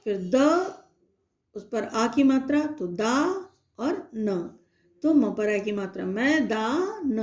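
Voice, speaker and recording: Patient woman teacher for young children; voice on the high side, careful step-by-step delivery. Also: darkish tone. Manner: patient, slow spelling-out of letters and vowel signs, frequent check-ins. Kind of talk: recorded online class for young children.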